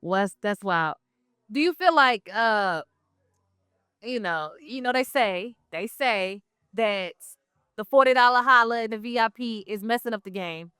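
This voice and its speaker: A woman's voice: on the high side, lively intonation, a little slow, bright, forceful tone, clean tone, no room sound, clean studio sound. A woman hosting an interview, asking curious questions in a loose, conversational way.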